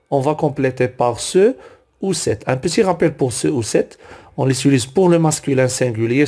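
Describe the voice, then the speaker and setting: A man's voice: medium pitch, darkish tone. A man teaching a grammar lesson, working through exercises word by word, repeating each item and correcting his own slips. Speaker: French teacher. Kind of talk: slow explanatory grammar lesson.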